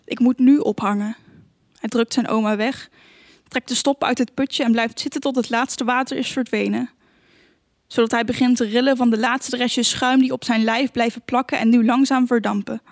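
A woman narrating an audiobook in a calm, measured, even reading voice. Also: fairly high pitch, no echo, clean studio sound. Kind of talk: scripted narration.

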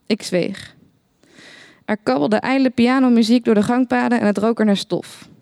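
Een vrouw leest een verhaal voor in de ik-vorm, droog en laconiek verteld. Haar stem is vrij hoog en klinkt dicht en droog opgenomen, zonder galm. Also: female voice, fairly high pitch, moderate pace, creaky, dry recording. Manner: dry, deadpan first-person narration. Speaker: narrator. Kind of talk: reading a satirical short story aloud.

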